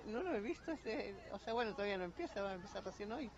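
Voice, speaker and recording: A woman's voice: medium pitch, expressive, fast talker, darkish tone, muffled recording. A middle-aged woman tourist answering a reporter's handheld mic on a beach, hesitant and searching for words. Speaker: interviewed tourist. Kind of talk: casual street interview. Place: beach under umbrellas, outdoors.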